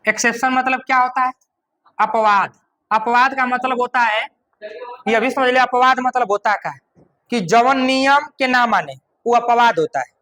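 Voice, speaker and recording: A male teacher with a high, bright voice walks through a grammar rule step by step at normal speed. He repeats key words and keeps asking whether the class understands, and the recording is rough.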